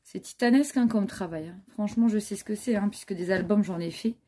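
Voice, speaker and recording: Mellow, husky woman admiring a handmade album. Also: mid-range voice, fairly quick. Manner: admiring, chatty, many fillers. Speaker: scrapbooking vlogger. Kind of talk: casual show-and-tell chat.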